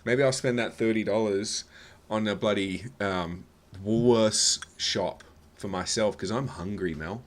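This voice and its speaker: A man's voice: fairly low pitch, measured pace. A man mocking a comedy set as a reaction host, swearing freely and sneering. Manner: mocking, swears freely, calls people love. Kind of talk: sarcastic reaction commentary.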